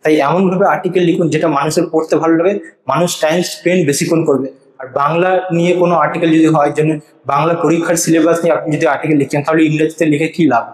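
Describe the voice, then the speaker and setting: A man's voice: fairly high pitch, steady tone, racing. A man giving earnest, confident blogging advice in a casual tutorial, his voice carrying a heavy room echo. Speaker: blogging and SEO YouTuber. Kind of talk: casual tutorial monologue to camera. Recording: echoey untreated room.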